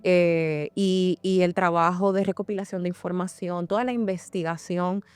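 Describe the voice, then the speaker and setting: A woman's voice: lowish voice, steady tone, moderate pace, smooth, faint music behind. A woman, giving reflective, explanatory answers as an academic guest in a conversational interview.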